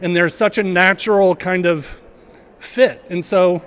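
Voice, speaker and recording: A man's voice: high voice, fairly even intonation, measured pace, fairly bright tone, smooth. A man, a college department chair, giving casual remarks at a gallery event, projecting his voice to the room with frequent hesitations. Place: art gallery event, indoors.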